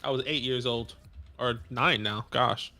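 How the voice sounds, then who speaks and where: A laid-back man in his late twenties chatting on a casual live stream, with a bright, forward tone. A faint bed of music plays under his voice. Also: mid-range voice, fairly even intonation, unhurried. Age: 20s. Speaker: co-host. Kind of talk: casual livestream chat.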